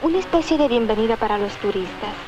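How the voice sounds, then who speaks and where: A woman's voice: on the high side, animated, racing, close to an everyday voice. A young woman playing a sweet-mannered, coolly mercenary island daughter in an old comedy film. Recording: dull old film soundtrack, music behind.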